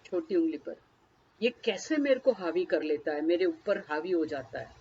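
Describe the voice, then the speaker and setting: A woman's voice: fairly low pitch, animated, moderate pace, darkish tone, lo-fi sound, a little hiss or hum. A woman leading a guided tapping session, naming each body point and then speaking a short first-person phrase for the listener to repeat.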